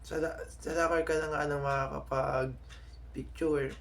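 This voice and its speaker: A young Filipino man vlogging to his subscribers in a casual, halting way, often stopping to restart and correct himself. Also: fairly high pitch, little pitch movement, vocal fry, slight background noise. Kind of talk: casual vlog talk to subscribers.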